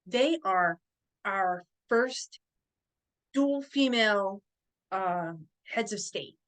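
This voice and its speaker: A woman chatting as a podcast guest, telling stories in a hesitant way with frequent pauses and fillers. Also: medium pitch, animated, a bit bright, low-quality recording. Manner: hesitant, with many fillers and restarts. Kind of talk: casual interview chat.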